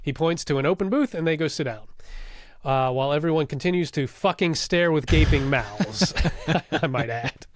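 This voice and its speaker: A man's voice: on the high side, moderate pace, no room sound, studio quality. A man co-hosting a casual podcast, recapping a TV episode scene by scene and breaking into laughs and asides. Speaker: podcast co-host.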